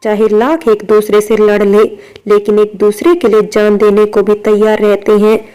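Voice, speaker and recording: A woman narrates a scripted story with a calm, even delivery. Her voice is smooth and clear, with a warm, mellow tone. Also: medium pitch, moderate pace, rough recording.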